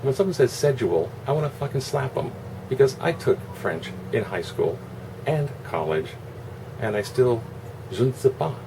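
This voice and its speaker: A man's voice: mid-range voice, expressive, moderate pace, gravelly, distant mic. A man giving a casual, opinionated monologue in a rambling, sarcastic, salty way. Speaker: online video host. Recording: constant air-conditioner hum, noisy room.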